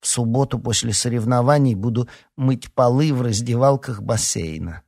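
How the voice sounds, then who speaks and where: A man's voice: medium pitch, normal speed, gravelly, a little mellow, voice pushed up. A man reading an audiobook, voicing a touchy, indignant teenage schoolgirl. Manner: indignant, snappy.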